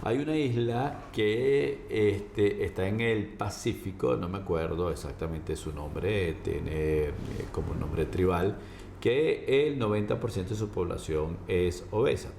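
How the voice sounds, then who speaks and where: A man speaking as a doctor being interviewed, explaining medical matters informally in a halting way, often checking that he is understood. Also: sits low, gravelly, a little mellow. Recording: roomy echo, faint background noise.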